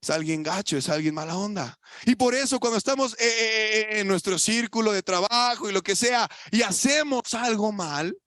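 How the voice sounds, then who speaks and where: A young man with a Mexican Spanish accent and a voice high for a man preaches a sermon in church, casually and colloquially firing rhetorical questions and dropping from loud emphasis to quiet asides. He moves at a moderate pace with few pauses. The sound is dry and close, with no echo.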